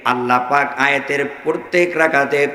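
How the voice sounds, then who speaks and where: A man preaching a sermon to a crowd, swinging between shouted lines and a low chanting singsong. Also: moderate pace. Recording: echoey hall from far off.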